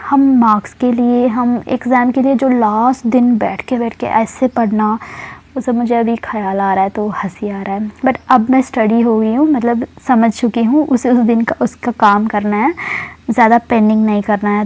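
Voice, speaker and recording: Female storyteller, casual and chatty; fairly high, mellow tone. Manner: chatty, digressive, mixing in English words.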